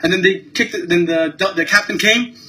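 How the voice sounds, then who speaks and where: Upset man ranting fast and high. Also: pushed and bright. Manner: heated, rapid, repetitive, cursing. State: upset and tearful. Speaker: passenger filming an incident. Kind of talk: agitated first-person vlog rant. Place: airport. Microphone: handheld phone camera.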